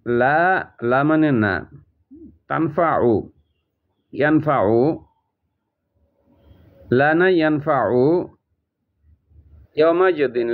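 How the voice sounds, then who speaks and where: A man teaching Quran translation, explaining each word step by step and repeating it. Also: fairly high pitch. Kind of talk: recorded lesson explaining Arabic word by word. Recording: tinny phone-like audio.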